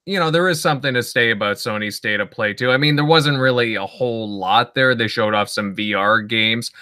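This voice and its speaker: Bright-voiced male podcast host. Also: mid-range voice, a little fast, no room sound, studio quality. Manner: relaxed, conversational, leads the talk. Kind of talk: casual podcast chat.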